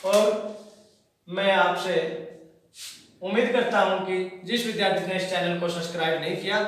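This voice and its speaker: A man's voice: sits high, fairly even intonation, moderate pace, fairly bright tone. A male teacher giving a grammar lesson, spelling words out letter by letter as he explains. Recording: very echoey room, distant mic.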